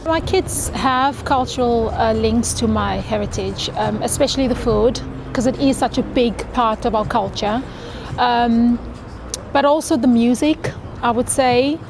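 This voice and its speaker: A South African woman whose first language is Afrikaans chats in a recorded interview, laughing easily and speaking with a South African accent. Her voice is fairly high and creaky, unhurried, with background noise present.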